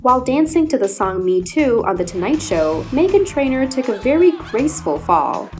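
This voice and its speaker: A woman delivers scripted compilation narration in a fairly high voice. Her intonation is very lively and varied, with faint music underneath. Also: moderate pace. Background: background music.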